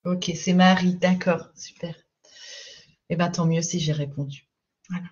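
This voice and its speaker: A woman working as a parenting coach gives a live-streamed talk, explaining things calmly and patiently while regularly checking in with her viewers. Her voice is lowish and unhurried, and the audio has its highs cut off.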